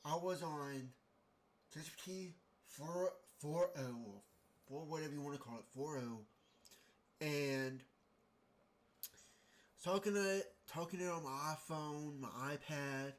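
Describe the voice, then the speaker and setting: Guy on his podcast, a bit high-pitched, rambles and cuts himself off, kinda exasperated. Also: slow, pauses often. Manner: rambling, self-interrupting, exasperated. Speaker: podcast host. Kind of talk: casual monologue reading from a screen.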